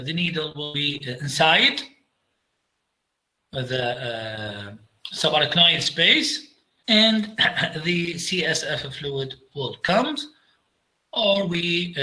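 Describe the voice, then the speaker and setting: A man with an Iraqi accent giving a medical lecture over slides, halting with frequent fillers and slipping into Arabic. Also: fairly high pitch, sharp tone, low-quality recording.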